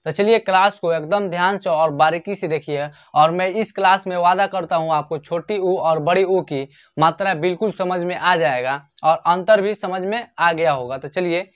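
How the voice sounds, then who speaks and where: Guy teaching hindi online, kinda high voice, keeps asking then answering himself. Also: moderate pace, hardly any pauses, fairly bright tone. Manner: repetitive, asks and answers his own questions. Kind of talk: online lesson.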